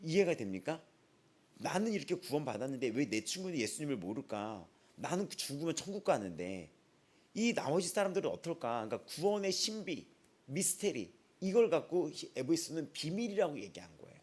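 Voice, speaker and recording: A man's voice: on the high side, big pitch swings, brisk, a little mellow, husky. A male pastor giving a conversational sermon at a dawn prayer service. He often asks the congregation rhetorical questions and retells stories with repetitive, emphatic phrasing.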